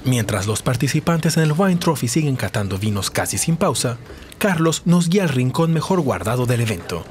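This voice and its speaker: A man's voice: medium pitch, sing-song, normal speed, slight background noise. A man reading scripted voice-over narration for a TV report.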